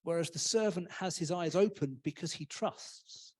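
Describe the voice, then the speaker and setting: A man's voice: on the high side, moderate pace, a little mellow. A man giving a casual, humorous sermon in a church, often acting out voices. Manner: chatty, humorous, acts out voices. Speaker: preacher.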